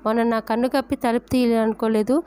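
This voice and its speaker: A woman's voice: fairly high pitch, flat delivery, a little fast, warm tone, clear, resonant tone, close to an everyday voice. A woman voicing a meek, mistreated young wife in a story reading, timid and pleading. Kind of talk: storytelling narration.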